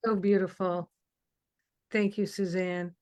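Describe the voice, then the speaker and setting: A woman's voice: lowish voice, flat delivery, slow, dark tone, no room sound. A woman hosting a casual chat. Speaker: host.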